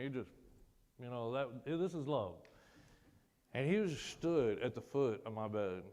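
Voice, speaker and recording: Man telling stories in echoing hall. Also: medium pitch. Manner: conversational, self-deprecating humor. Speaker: veteran guest speaker. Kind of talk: personal storytelling speech. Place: school assembly hall. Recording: long hall reverb.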